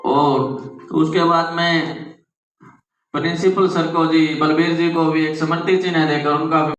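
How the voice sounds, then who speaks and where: A man makes formal ceremony announcements as the event's compere. His delivery is halting and repetitive, with very little melody in a slightly high voice. The recording is strongly echoey. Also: level tone, fairly bright tone, muffled recording, faint music behind. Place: reverberant event venue, distant mic. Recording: very echoey, picked up from far off.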